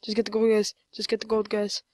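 A woman giving casual, rambling commentary over her own gameplay, full of fillers and sudden excited outbursts. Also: mid-range voice, quick pace, no echo.

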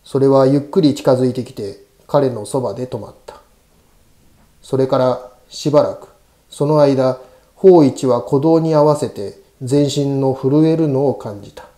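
Male narrator for horror audiobook: hushed, eerie, deliberate, mid-pitched with a very dark, soft-edged tone. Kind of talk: scripted ghost story narration.

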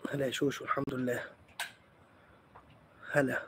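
A man's voice: medium pitch, flat delivery, moderate pace, a bit bright, slightly rough, dry recording. A man with an Egyptian accent hosting a live stream, chatting playfully with viewers and teasing them as he answers comments. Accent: Egyptian Arabic.

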